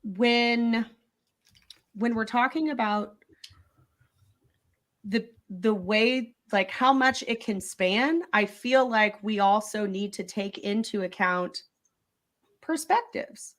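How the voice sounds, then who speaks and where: Slow, bright-voiced woman podcast host. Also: a little high. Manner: thoughtful, restarts phrases while building an argument. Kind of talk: casual discussion.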